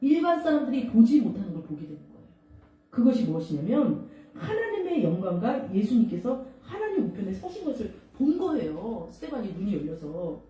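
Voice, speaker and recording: A woman's voice: fairly high pitch, very animated, fairly quick, dark tone. A woman preaching a sermon, retelling a story vividly and asking the congregation rhetorical questions. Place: church sanctuary. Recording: very echoey hall, mic far off.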